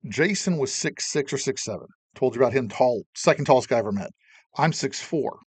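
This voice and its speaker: A man's voice: mid-range voice, animated, brisk, slightly rough, dry recording. A man hosting a show and narrating his own memories in a plain-spoken, wry way, mixing history and personal story. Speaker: podcast host and narrator.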